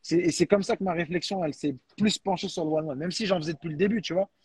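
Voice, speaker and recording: A man talking in a casual chat as a guest, animated and slangy, often restarting and repeating words. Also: high voice, fast, husky, no room sound. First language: French. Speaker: guest, freestyle football creator.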